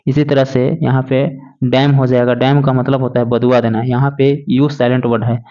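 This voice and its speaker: A man teaching a lesson, slowly and patiently spelling out words letter by letter. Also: mid-range voice, flat delivery, warm tone. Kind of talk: classroom lesson explaining English words in Hindi. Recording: dull lo-fi recording.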